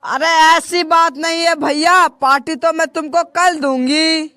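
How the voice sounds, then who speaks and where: A man's voice: very high voice, fairly even intonation, measured pace, bright, forceful tone, no echo, studio quality, exaggerated voice. A man voicing a female cauliflower, a newly married and breezy vegetable character in a comic sketch.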